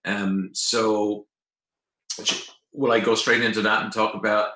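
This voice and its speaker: An Irish man in his fifties tells his personal story conversationally as an interview guest. His lowish voice moves little in pitch and is a little slow, with a bright, forceful tone. The recording sounds roomy and echoing.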